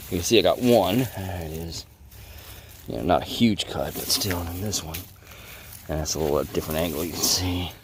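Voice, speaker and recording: With slight background noise, a low-voiced man from the southern U.S. vlogs outdoors in a bamboo grove. The hobbyist bladesmith holds his phone for a relaxed demo and playfully ribs the plants as he talks.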